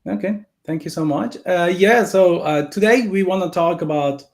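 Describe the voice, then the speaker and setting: A guest presenter from Iran, a native Persian speaker with an Iranian accent, eagerly gives a technical presentation over a video call. His voice is high-pitched and moderately paced, and he often restarts his phrases.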